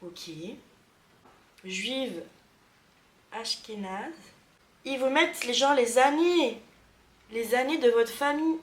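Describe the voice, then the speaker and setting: A woman from Lorraine in France talking casually to her viewers as a vlogger, chatty and excitable, thinking aloud with many fillers as she reacts. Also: fairly high pitch, takes it slowly, long pauses, reverberant. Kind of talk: casual vlog reacting to results.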